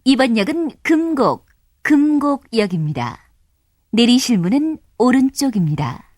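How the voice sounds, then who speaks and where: Woman voicing a prerecorded subway stop announcement, formal and courteous, slightly high, dry studio sound. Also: very animated, unhurried, a little mellow, no echo. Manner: polite, formal, evenly paced. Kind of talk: prerecorded train station announcement.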